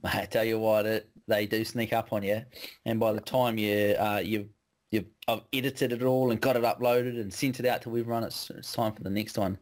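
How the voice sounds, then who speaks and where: A man hosting a casual podcast, easygoing and friendly, his voice slightly hoarse from a cold. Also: fairly low pitch, flat delivery, a little fast. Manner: easygoing, friendly, restarts often. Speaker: podcast host and performance coach.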